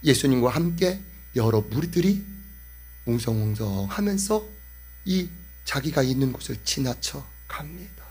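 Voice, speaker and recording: A man's voice: medium pitch, sing-song, measured pace, darkish tone, breathy edge. A male pastor preaching a sermon with impassioned, emphatic repetition.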